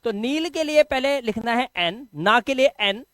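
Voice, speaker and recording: A man teaching an online lesson, explaining step by step, repeating words slowly and checking that students follow. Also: very high voice, lively intonation, a bit bright, no echo. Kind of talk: online lesson explaining Hindi to English spelling.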